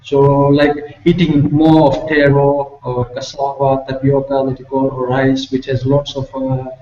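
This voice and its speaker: A man from Fiji, answering questions on a video call with earnest, grateful, slow explanations. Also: medium pitch, completely flat delivery, mellow. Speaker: guest. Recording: echoey, distant, muffled video call.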